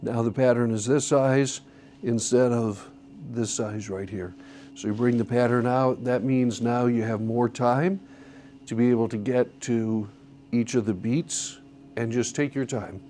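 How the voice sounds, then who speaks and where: A man's voice: mid-range voice, fairly even intonation, measured pace, warm tone, slight background noise. A man teaching a church song-leading class, explaining conducting patterns patiently and counting beats aloud. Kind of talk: classroom instruction.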